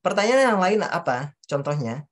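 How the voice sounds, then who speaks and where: Speaking at a normal pace, a woman with a lowish, sing-song voice presents a coaching workshop to an audience at a talk venue. She addresses listeners directly and acts out example questions, making some hesitant restarts while explaining.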